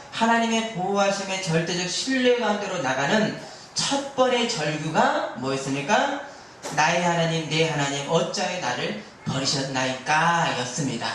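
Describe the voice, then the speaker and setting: Male pastor, emphatic sermon, high voice, very roomy sound, faint background hum. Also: fairly bright tone. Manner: emphatic preaching with rhetorical questions. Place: church sanctuary during afternoon service. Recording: very echoey hall, mic far off.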